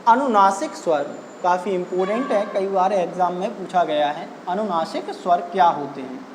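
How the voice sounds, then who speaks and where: A woman teaching a Hindi grammar lesson for exam preparation, explaining step by step with deliberate pauses. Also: fairly low pitch, noisy background. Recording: echoey room with long reverb.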